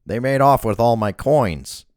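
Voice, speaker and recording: A man's voice: mid-range voice, animated, measured pace, darkish tone, no echo, clean studio sound, voice pushed up, natural voice. Bunch, a man doing a nasal whining thug.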